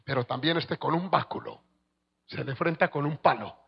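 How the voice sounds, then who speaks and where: A man preaching a sermon as pastor, swinging from soft asides to shouted exhortations. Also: a little high, animated, moderate pace, gravelly, slightly rough, muffled recording.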